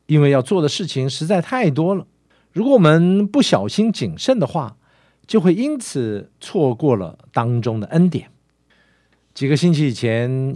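Lively male preacher, dry close sound. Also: mid-range voice, dry recording. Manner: lively storytelling with filler particles. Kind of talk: sermon.

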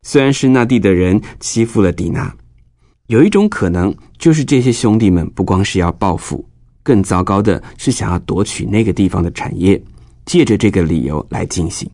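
A man's voice: fairly low pitch, animated, moderate pace, mellow, no echo, clean studio sound. A man narrating a scripted Bible story for children, explaining things as if to young listeners.

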